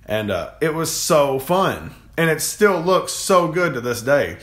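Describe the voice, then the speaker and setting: A man's voice: fairly high pitch, sing-song, a little slow, fairly bright tone. A young man co-hosting a casual gaming chat, rambling and enthusiastic, often repeating his words. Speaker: co-host of a gaming channel. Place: home room, games on the shelf behind. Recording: echoey room.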